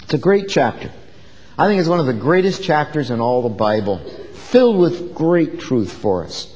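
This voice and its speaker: A man's voice: on the high side, very animated, moderate pace, darkish tone, big-room sound, poor audio. A man preaching an earnest, conversational sermon, full of rhetorical questions. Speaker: pastor.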